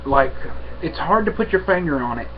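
Young adult man, casual rambling chat, halting delivery, muffled webcam audio, faint background noise. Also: a little high, expressive. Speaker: vlogger, pipe smoker. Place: small room at home, indoors.

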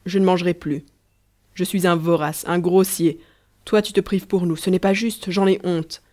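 A woman voicing an earnest, blunt male farm laborer, gruff and emphatic in a storybook reading. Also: lowish voice, steady tone, moderate pace, darkish tone, natural voice. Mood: insistent.

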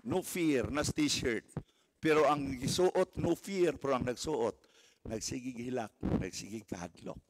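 A man in his seventies preaching a sermon as pastor, swinging from hushed murmurs to shouted exclamations and calling out for hallelujahs. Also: mid-range voice, measured pace. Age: 70s. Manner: calls for hallelujahs, mixes English phrases into preaching.

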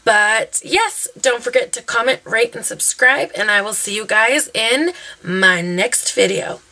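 A woman's voice: a little high, animated, a little slow, pushed and bright. A young woman reviewing her favorite beauty products in a chatty, gushing way, full of fillers like "um" and "like". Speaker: beauty vlogger.

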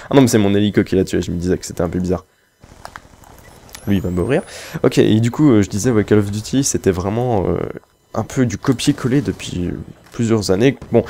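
A man's voice: on the low side, a little fast, mellow. A man chatting casually while playing a shooter, rambling with lots of fillers and breaking off to react to the game. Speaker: gaming video creator. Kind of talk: casual chat over live gameplay.

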